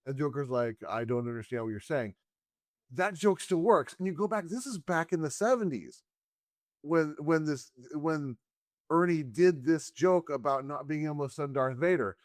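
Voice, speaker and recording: A man's voice: on the high side, lively intonation, normal speed, dry recording, clean studio sound. A man in his forties co-hosting a casual movie review podcast, rambling and acting out lines from the films. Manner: rambling, quotes scenes in put-on voices. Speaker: podcast co-host.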